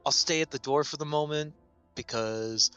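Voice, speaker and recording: A man voicing his male adventurer's grumbling, impatient thoughts in a quick mutter at a tabletop game. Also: a little high, pushed and bright, clear, resonant tone, faint music behind.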